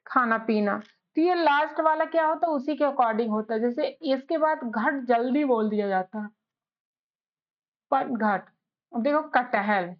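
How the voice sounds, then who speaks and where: Hindi-accented lady teacher spelling stuff out real slow, bit high voice, dull lo-fi sound. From India. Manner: slow, spells words letter by letter. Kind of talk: spelling lesson, spelling out letters.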